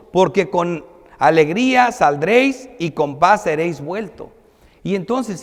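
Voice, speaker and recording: In a large hall with long reverb, a pastor with a high male voice moves back and forth between Bible verses and his explanations of them. He preaches emphatically, proclaiming some lines boldly and letting others drop softer.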